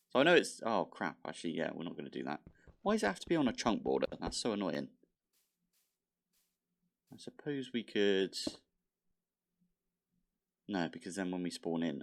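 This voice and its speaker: Thinking aloud with mild exasperation, a modded Minecraft let's play host casually narrates his block-building game. His voice sits low and sounds gravelly, and his nose seems slightly blocked.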